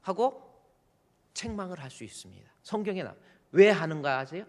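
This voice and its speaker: Male pastor, slightly high voice, loud and emphatic in the peaks, recorded with long church reverb. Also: animated, fast. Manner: swings from soft asides to loud emphatic exhortation; acts out a pastor admonishing deacons and elders. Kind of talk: sermon. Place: church sanctuary.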